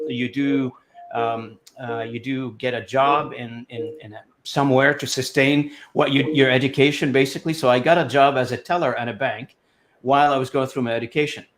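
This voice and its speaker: A Lebanese man in his fifties with a medium-pitched voice is a guest telling his life story in a relaxed interview held over a video call. He rambles, using lots of fillers and restarting often.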